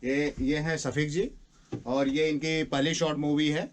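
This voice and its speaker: Man, studio dubbing tutorial, coaching, impatient corrections, somewhat high voice. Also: little pitch movement, unhurried, slight background noise. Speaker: dubbing studio operator and director. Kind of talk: instructional explanation.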